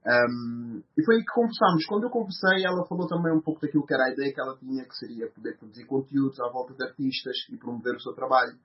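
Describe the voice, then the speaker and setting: A man's voice: medium pitch, quick pace, few pauses. A man in his thirties with a European Portuguese accent, a guest answering interview questions hesitantly, with many fillers and restarts. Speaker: guest, podcast host. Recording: slightly muffled recording.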